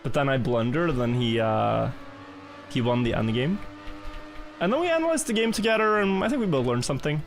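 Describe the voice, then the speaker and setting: A man's voice: medium pitch, animated, brisk, faint music behind. A man streaming a game, telling rambling stories in casual chat and chuckling now and then. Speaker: gaming streamer.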